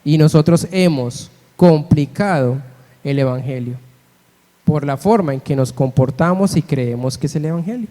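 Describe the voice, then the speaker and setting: A man's voice: a little high, moderate pace, warm tone. A man preaching a sermon as pastor, earnest and emphatic, asking rhetorical questions of the congregation. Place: church. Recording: long church hall reverb.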